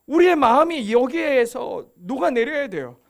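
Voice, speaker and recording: A man's voice: very high voice, sing-song, moderate pace, vocal fry. A male pastor giving a conversational sermon, asking rhetorical questions and acting out quoted voices.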